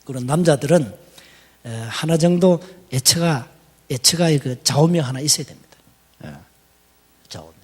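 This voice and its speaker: Middle-aged man, high voice, folksy teasing preacher, reverberant hall. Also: moderate pace, long pauses, darkish tone, breathy edge. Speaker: pastor. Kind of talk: sermon. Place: church hall.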